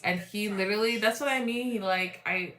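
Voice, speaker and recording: A woman's voice: mid-range voice, moderate pace, a bit bright, echoey room. A woman in her twenties hosting a casual livestream, chatty and rambling, greeting viewers by name. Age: 20s. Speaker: livestream host. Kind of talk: casual live chat with viewers.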